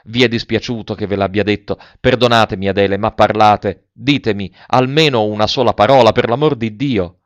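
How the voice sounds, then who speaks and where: A man's voice: fairly low pitch, steady tone, moderate pace, a bit bright, dry recording, close to an everyday voice. A man reading aloud and voicing a young man who pleads and declares his love fervently, in a dull and slightly muffled recording. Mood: pleading.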